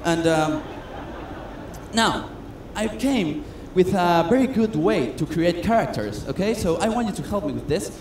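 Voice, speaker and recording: Man, high voice, chatty self-mocking magician patter; echoey stage, noisy room. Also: lively intonation, a little slow. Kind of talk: comedic stage patter with audience. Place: cruise ship stage. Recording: echoey stage sound with noise.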